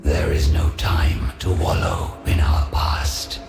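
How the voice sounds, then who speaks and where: An actor voicing an ancient female robot warrior guardian in a game, speaking slowly and gravely through a metallic robot voice filter, with echo and music behind. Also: a bass voice, little pitch movement, exaggerated voice. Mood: commanding. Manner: slow, grave, commanding. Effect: robot voice filter, metallic and echoing.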